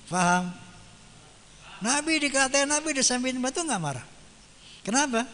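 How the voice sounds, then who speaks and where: A man's voice: extremely high pitch, expressive, moderate pace, bright, forceful tone, a little hiss or hum. A male preacher giving a sermon in a casual, colloquial way, often asking the audience rhetorical questions. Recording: long hall reverb.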